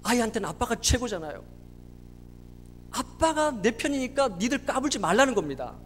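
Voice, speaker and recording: A man's voice: very high voice, sing-song, a little fast, fairly bright tone. A man, a pastor, preaching a sermon with emphatic rhetorical questions. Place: church sanctuary. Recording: long church reverb, faint hum.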